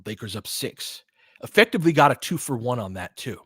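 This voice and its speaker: Recorded dry and at studio quality, a medium-pitched man with a fairly bright, slightly rough voice speaks briskly in a sing-song way. He's providing live, fan-leaning basketball commentary, openly backing his team with clipped, fragmentary calls of each play.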